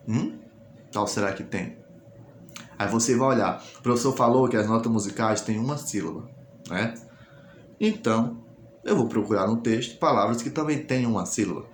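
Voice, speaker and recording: A man teaching a recorded class, explaining step by step and asking and answering his own questions. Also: medium pitch. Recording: echoey room, faint noise.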